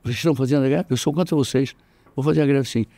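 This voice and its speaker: An older man with a Brazilian accent, a jiu-jitsu master telling animated stories in an interview, jumping up in pitch when he quotes people. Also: racing, no echo. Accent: Brazilian Portuguese. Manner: animated, acts out quoted voices with jumps in pitch. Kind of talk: storytelling in casual interview.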